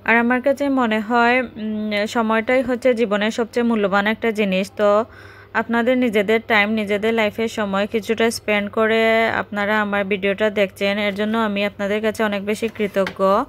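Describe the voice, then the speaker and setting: Speaking at a moderate pace in a medium-pitched voice with little pitch movement, a home cooking vlogger with a Bangladeshi accent gives casual voice-over narration. Background noise is clearly audible in this home recording.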